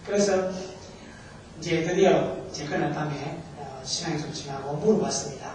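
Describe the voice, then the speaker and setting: A man's voice: fairly high pitch, moderate pace, darkish tone, slight background noise. A man preaching a humorous sermon as a pastor, joking and leading the congregation in call-and-response. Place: church sanctuary. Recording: far-off mic, very echoey hall.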